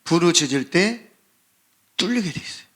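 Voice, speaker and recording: A man's voice: sits high, expressive, moderate pace. A man, a pastor, preaching a sermon with passion and acting out pleading prayers and cries for help. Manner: impassioned preaching, acts out pleading prayers and shouts. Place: church sanctuary.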